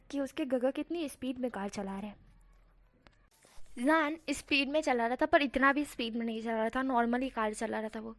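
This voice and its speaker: Brief: high-pitched woman, casual fan-story narrator, chatty with self-corrections. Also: no echo. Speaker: fanfiction narrator.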